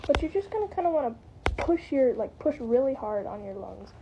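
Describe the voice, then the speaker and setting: A woman's voice: sits high, big pitch swings, a little fast. Rambling woman teaching, noisy recording. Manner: rambling, hedging, full of "like" and "kind of". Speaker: tutorial maker. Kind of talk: casual spoken tutorial.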